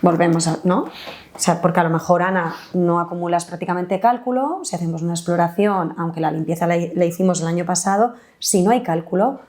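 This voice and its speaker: Woman, dentist guest, lowish voice, chatty explanations with tag questions. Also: a little fast, darkish tone. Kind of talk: conversational interview explanation.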